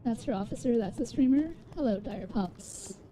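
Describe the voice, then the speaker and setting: A woman's voice: on the high side, expressive, moderate pace, warm tone, a little hiss or hum. A woman live streamer chatting casually while gaming and reading out viewer comments.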